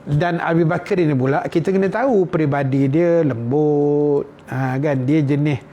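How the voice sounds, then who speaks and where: A man's voice: fairly high pitch, moderate pace, warm tone. A chatty Malaysian man teaching religion. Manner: chatty, asks listeners questions, retells quotes in casual speech. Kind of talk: conversational religious lecture.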